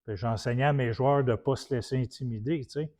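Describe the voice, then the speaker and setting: Speaking fast in a mid-range, slightly mellow voice, this Québécois-accented man from Quebec preaches through casual anecdotes, frequently restarting his sentences as he teaches.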